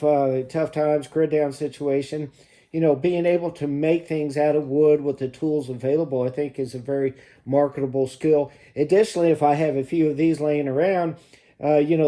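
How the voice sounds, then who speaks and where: A man hosting a prepping vlog, talking casually to camera in a halting way with frequent mid-phrase pauses. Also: a little high, dark tone. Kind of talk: casual demonstration talk to camera.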